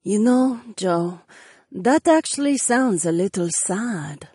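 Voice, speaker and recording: A man voicing a playful, easily startled young woman in an audiobook, in a bright, chirpy manner. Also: sits high, expressive, slow pace, husky, no echo, clean studio sound, pitched above the performer's own voice, heavily acted. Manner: bright, chirpy, a bit nervous. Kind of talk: audiobook character voice.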